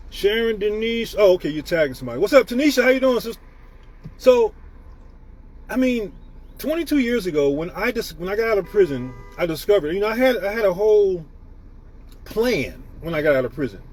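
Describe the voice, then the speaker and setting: A man's voice: high-pitched, expressive, normal speed, a little mellow, breathy edge. A man in his fifties from the United States, hosting a live stream and giving a preachy motivational talk while greeting viewers by name. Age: 50s.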